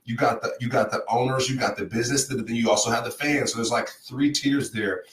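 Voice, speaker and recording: A man's voice: mid-range voice, steady tone, a little fast, fairly bright tone, roomy sound, recorded from a distance, rough recording. A man co-hosting a sports podcast, a former player who makes emphatic points and repeats them. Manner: emphatic, repeats key points and addresses co-host by name. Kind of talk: casual sports talk.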